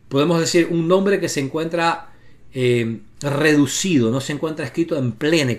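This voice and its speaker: A man's voice: on the high side, a bit bright. A man teaches a Bible lesson. He goes through Hebrew letters and names one at a time, steering his viewers' attention to each one. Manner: explains step by step, points at on-screen letters. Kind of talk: lecture on Hebrew grammar.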